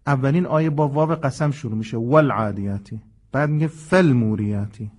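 Mellow-voiced man teaching recitation carefully. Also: mid-range voice. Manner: slow, careful spelling-out of verses with corrections. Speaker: Quran memorization teacher. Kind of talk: recorded broadcast lesson.

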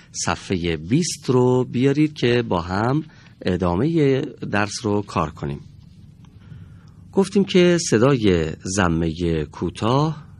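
A man teaching Quran recitation on a radio lesson in a studio, speaking slowly and patiently, modeling sounds and correcting students. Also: low-pitched, a little mellow. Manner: slow, patient, carefully models and corrects pronunciation.

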